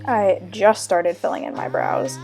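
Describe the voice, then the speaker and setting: A woman's voice: medium pitch, unhurried, vocal fry, a little mellow, poor audio. Tired, hungover young woman chatting over music. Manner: self-deprecating, wry, chatty. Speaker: makeup vlogger. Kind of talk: casual voice-over makeup tutorial. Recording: background music under voice-over.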